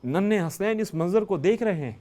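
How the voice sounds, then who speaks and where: Impassioned male religious storyteller, fairly high. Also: expressive, warm tone. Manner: impassioned, with dramatic rises on lists and key phrases. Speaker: religious speaker. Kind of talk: emotional religious storytelling sermon.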